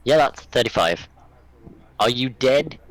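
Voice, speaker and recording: A man as game master giving brisk rulings with frequent restarts. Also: mid-range voice, lively intonation, rough recording. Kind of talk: running a tabletop game over a call.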